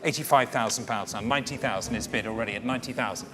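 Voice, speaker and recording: Over crowd noise, a man races through live fine art auction patter in a saleroom. He's the auctioneer, formally and politely calling out bids and repeating them to the room in a mid-range voice.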